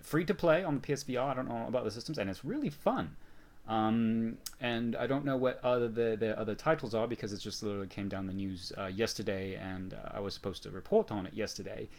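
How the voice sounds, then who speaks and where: A man's voice: on the low side, quick pace. A man hosting a casual news rundown while sick, rambling and mocking himself, with frequent restarts. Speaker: channel host.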